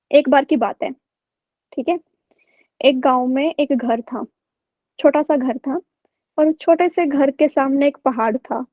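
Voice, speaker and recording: Her voice sitting high, a teacher narrates a story for her online class in a chatty manner, frequently pausing for an "okay?". The audio is phone-quality with no room sound.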